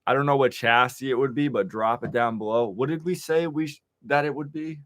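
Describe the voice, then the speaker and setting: A man chatting casually among friends, laid-back and halting. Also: mid-range voice. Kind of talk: casual chat.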